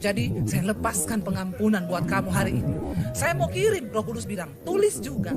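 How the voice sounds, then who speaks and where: A high-pitched, middle-aged woman pastor delivers a sermon through a personal testimony. She tells the story with lively swings in pitch, exclaims, and acts out the people she quotes. Music plays clearly behind her. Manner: animated storytelling, mimics quoted voices, exclaims and laughs.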